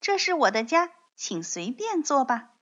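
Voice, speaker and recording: A woman's voice: a little high, lively intonation, a little slow. A woman doing a cheerful little country mouse. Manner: bright, eager, welcoming. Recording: dull lo-fi recording.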